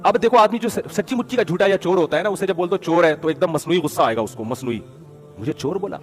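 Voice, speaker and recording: A man giving a conversational sermon full of stories, lively, calling his listeners brother. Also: high-pitched, soft background music. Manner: lively, addresses listeners as brother, acts out quotes. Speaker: religious speaker.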